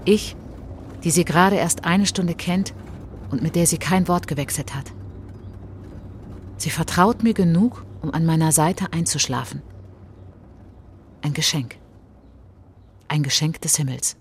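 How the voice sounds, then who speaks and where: An actress with a deep voice plays a reflective French woman traveller in a radio play monologue, measured, intimate, and literary in her delivery and full of tender wonder. Slight background noise can be heard.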